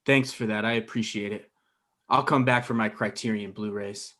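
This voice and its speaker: A man in his thirties reads the part of a needy, wounded, blustering dumped boyfriend during a table read on a video call from an indoor room. Hurt and pleading, he blusters in a lowish, sharp-toned voice, speaking at a moderate pace with fairly even intonation.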